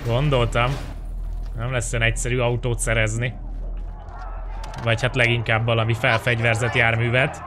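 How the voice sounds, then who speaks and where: A Hungarian-speaking man commentating his own gameplay, excitable and swearing as he urges his character on. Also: medium pitch, long pauses, noisy background. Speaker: gaming YouTuber. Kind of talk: let's play commentary.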